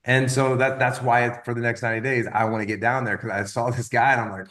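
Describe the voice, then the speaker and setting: A man in his fifties giving casual motivational coaching, rambling and often repeating words as he tells lively stories. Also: mid-range voice, quick pace. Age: 50s. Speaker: wellness business coach.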